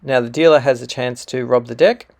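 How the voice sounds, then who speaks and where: Male game teacher, gravelly voice, patient and explanatory, thinks aloud as he plays. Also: mid-range voice, fairly quick, a little mellow. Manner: patient, explanatory, with fillers and self-corrections.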